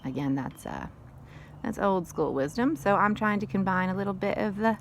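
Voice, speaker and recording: A woman's voice: mid-range voice, expressive, moderate pace, creaky, slight background noise. A woman vlogging outdoors on a sunny day by a wood fire, giving a casual how-to demonstration in a chatty, rambling way full of tangents. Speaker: vlogger showing how to make lye.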